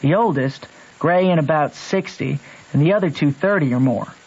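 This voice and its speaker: A fairly high-pitched man with a darkish, breathy tone speaks at a moderate pace, acting as a Southern country boy who plainly recounts his adventures. It's reflective storytelling narration in colloquial rural speech, from a dull-sounding old radio drama broadcast.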